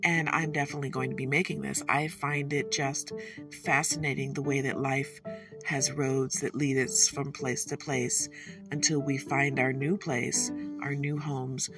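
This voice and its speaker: Her bass voice stays level and her pace measured as this home cook from Detroit, USA, chats folksily in her kitchen, cracking corny jokes and self-amused remarks. A distant microphone catches her, with guitar music playing behind.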